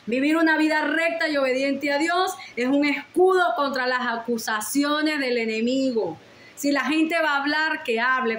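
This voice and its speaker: A woman's voice: high-pitched, a bit bright, roomy sound, slight background noise. A woman preaching a sermon with fervent, repeated declarations and prayerful pleas.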